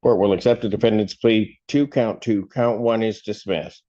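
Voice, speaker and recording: A man presiding as a judge at a plea hearing, asking formal questions in a measured way, heard through a courtroom recording. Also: lowish voice, fairly even intonation, dark tone. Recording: dull courtroom audio recording.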